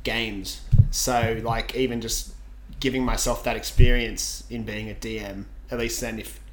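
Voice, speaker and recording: A man co-hosts a casual tabletop-gaming podcast in a relaxed, rambling way, laughing easily between points. His voice sits in a middle pitch. A faint hiss runs under it. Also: a little slow. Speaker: podcast co-host.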